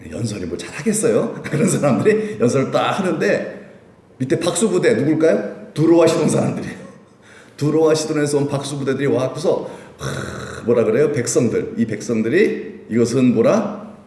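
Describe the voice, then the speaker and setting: Male pastor, chatty sermon, animated pitch, roomy church sound from a distant mic. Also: brisk. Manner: chatty, asks the listeners many questions. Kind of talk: conversational sermon at a midweek prayer meeting. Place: church sanctuary.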